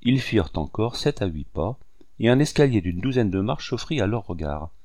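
Low-voiced man narrating a novel. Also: animated, moderate pace, warm tone, dry recording, clean studio sound. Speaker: audiobook narrator. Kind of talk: scripted narration.

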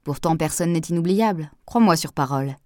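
A woman's voice: low voice, fairly quick, no echo, clean studio sound, natural voice. A woman reading as a sardonic, touchy man. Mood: wry. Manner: sardonic, touchy, then sharp. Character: gruff reserved man, Pascal's brother.

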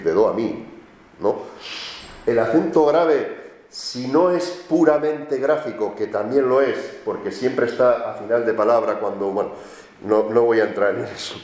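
A man from lectures to a room of students, his voice sitting on the low side. He explains things patiently and keeps checking in with his listeners through questioning tags. The recording carries the noticeable echo of a lecture room. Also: darkish tone. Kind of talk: classroom lecture.

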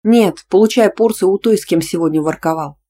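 A woman voicing a jealous, hot-tempered young student who snaps back in sharp retorts. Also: on the low side, brisk, natural voice. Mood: snapping.

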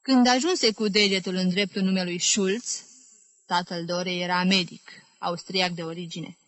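A woman narrating a literary audiobook in a measured, clear reading manner. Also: lowish voice, fairly even intonation, a bit bright, no room sound.

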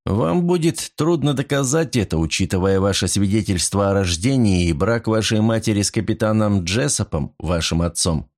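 A man's voice: lowish voice, moderate pace, hardly any pauses, darkish tone, close to an everyday voice. A man voicing a stern male detective who speaks in clipped, emphatic sentences in an audiobook.

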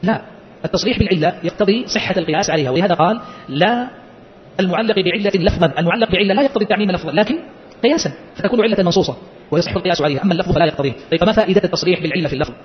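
A man lectures on a legal text at a very fast clip and keeps firing short questions at his listeners. His voice sits high, and the recording is a little muffled. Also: a little hiss or hum. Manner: quizzes listeners with quick rhetorical questions. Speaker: Islamic jurisprudence teacher. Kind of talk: explaining a legal-theory text.

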